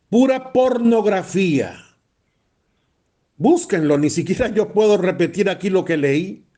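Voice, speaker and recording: A man's voice: on the high side, warm tone. A man, a priest preaching a blunt, emphatic sermon and repeating phrases for stress.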